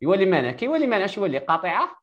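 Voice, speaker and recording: A male electrical engineering teacher with an Algerian Arabic accent, giving a live tutoring lesson over a video call and quizzing his student with rapid-fire questions before confirming her answers. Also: high-pitched, very animated, a bit bright, dull audio.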